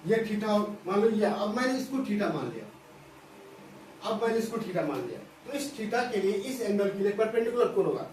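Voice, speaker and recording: A man's voice: sits high, very animated, normal speed, a little mellow. A man teaching a school maths lesson at a board, explaining step by step, repeating phrases and often checking whether students follow. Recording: echoey room from a distance, faint hiss.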